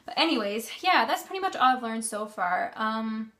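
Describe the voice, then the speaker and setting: Canadian woman, casual vlogger, slightly high voice, rambly and filler-heavy. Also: lively intonation, moderate pace, background noise. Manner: rambling, full of "um" and "like", loses her thread. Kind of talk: casual vlog chat.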